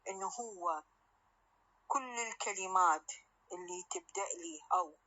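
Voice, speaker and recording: Bright-voiced Iraqi woman teaching phonetics. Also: mid-range voice, a little slow, dull audio. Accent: Iraqi Arabic. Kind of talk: recorded lecture mixing Arabic and English.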